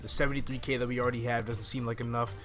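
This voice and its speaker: Game music plays as a twenty-something gaming YouTuber races through laid-back, explanatory walkthrough commentary in a level tone. His voice is medium-pitched and a bit bright, captured close up by a desktop microphone on a stand.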